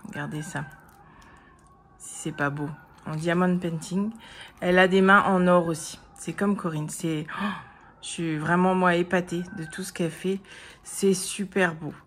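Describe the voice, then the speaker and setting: A woman's voice: fairly low pitch, fairly even intonation, moderate pace, fairly bright tone. A woman talking casually to her viewers as a vlogger, hesitant with many fillers and restarts, gushing with praise. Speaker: vlogger showing crafts and purchases. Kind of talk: casual chat to camera.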